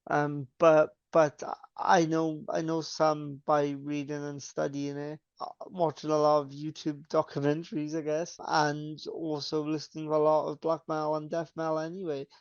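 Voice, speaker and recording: On a metal podcast, this young co-host talks at a moderate pace with a totally flat delivery, wandering off-track and restarting often amid many fillers. His voice is a bit high, gravelly but smooth. There's no echo; the sound is dry and dull, lo-fi mic style.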